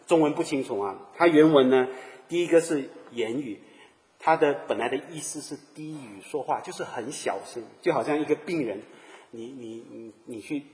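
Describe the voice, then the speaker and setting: A man's voice: medium pitch, normal speed. A man preaching a sermon. He keeps asking his listeners questions and briefly acts out the people he talks about. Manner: animated, asks the listeners questions and acts out little quoted scenes. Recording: long reverb of a large hall.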